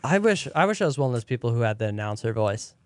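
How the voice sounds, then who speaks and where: A man's voice: medium pitch, quick pace, no echo. Chatty young male radio guest. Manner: animated storytelling, laughs often. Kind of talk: casual on-air chat. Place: radio studio. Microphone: studio microphone.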